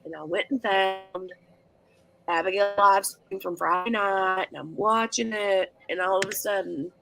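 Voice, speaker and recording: A woman in casual chat, telling a story in a lively way. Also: medium pitch, a little slow, gravelly, poor audio.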